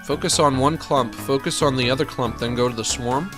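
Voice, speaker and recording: A man's voice: mid-range voice, brisk, over music. A man hosting a let's play, joking and talking to himself as he goes, easily startled by the game. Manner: jokey, easily startled, talks to himself while playing. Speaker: gaming channel host.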